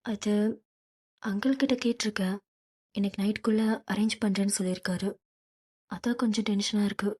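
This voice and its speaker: A woman's voice: medium pitch, fairly even intonation, a little fast, long pauses, a little mellow, breathy edge, close to an everyday voice. A woman voicing a proud, self-respecting young woman in an audiobook, speaking sharply and indignantly. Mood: light, relieved. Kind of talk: audiobook character reading.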